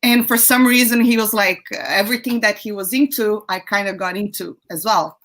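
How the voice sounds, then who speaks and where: A young woman from Brazil talks casually as an interview guest. Her voice is bright and clear. She chats easily, laughs often and restarts her sentences. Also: medium pitch, moderate pace. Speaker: guest, YouTube creator.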